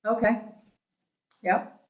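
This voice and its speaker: Chatty older Long Island woman. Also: drawn-out words. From Long Island, New York. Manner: chatty, laughs often between remarks. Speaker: church member. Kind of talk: casual chat. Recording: roomy, dull sound with chatter.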